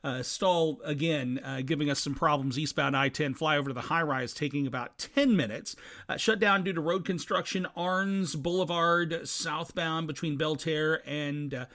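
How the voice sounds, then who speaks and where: A man's voice: fairly high pitch, moderate pace, a bit bright. A man reading a radio traffic report in clipped, hesitant phrases.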